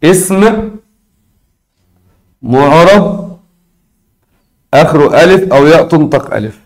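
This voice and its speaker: A man with an Egyptian Arabic accent teaching a recorded lesson, repeating key words slowly and asking his students questions. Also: on the high side, lively intonation.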